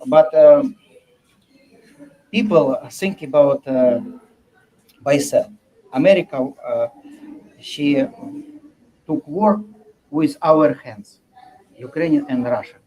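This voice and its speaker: A man gives halting interview answers. His voice is dark and soft-edged. He speaks very slowly, in hesitant, broken English. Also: a little high, rough recording.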